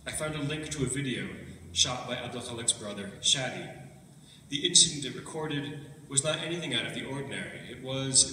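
A man's voice: medium pitch, a little hiss or hum. Man reading aloud in an echoey hall. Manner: measured, even reading with quoted dialogue. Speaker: author reading from his book. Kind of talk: book reading. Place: event hall. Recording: echoey hall recorded from far off.

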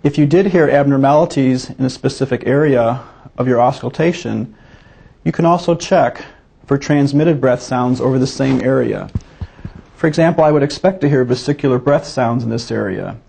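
A male physician leads a teaching demonstration with a gravelly, husky voice. His tone is dark and mellow, steady and methodical as he explains each step for students. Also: mid-range voice, normal speed.

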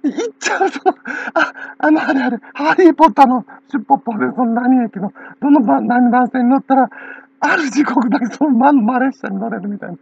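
A woman's voice: sits high, quick pace, vocal fry, darkish tone, husky, no echo. A woman with a Kansai accent talking in a rambling casual monologue, laughing often between phrases, on a dull lo-fi recording. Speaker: channel owner.

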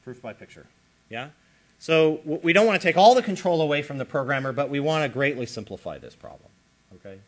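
A man lecturing on computer science, explaining with lively emphasis and checking in with his audience. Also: on the high side, fast. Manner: animated, explanatory, checks in with listeners. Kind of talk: academic lecture.

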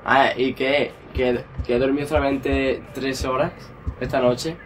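A man's voice: mid-range voice, level tone, a little slow. A man chatting casually and giving short, repeated directions to someone playing a game. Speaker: companion guiding the player. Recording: distant mic, very noisy background.

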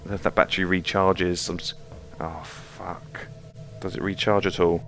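Faint music plays behind a man whose low voice barely moves in pitch, fairly bright and a little slow. Hosting a VR gameplay channel, he comments live on a horror game while playing on the floor at home, jumping, cursing often and laughing nervously.

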